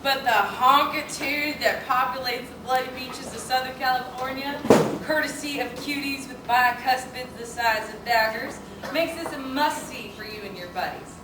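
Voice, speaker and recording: A woman's voice: sits high, normal speed, natural voice. A woman playing a gushing, slangy teenage girl movie critic. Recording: echoey stage from a distant mic, noisy.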